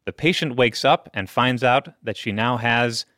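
A man's voice: medium pitch, normal speed, sharp tone, dry recording, clean studio sound. A man co-hosting a medical radio show, reading health news with jokey, pun-filled banter. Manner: jokey, fond of puns.

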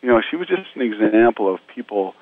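A man's voice: lowish voice, very animated, fairly quick, dry recording. A man earnestly recounting his disaster relief work in a radio interview. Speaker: disaster relief medical team member. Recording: narrow phone-line sound.

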